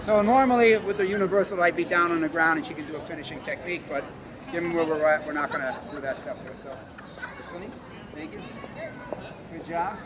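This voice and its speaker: A slightly high-voiced martial arts instructor talks fairly quickly over a loud crowd as he shows self-defense techniques hands-on. He's outdoors on public concrete memorial steps, going through each move informally against a backdrop of city noise and people.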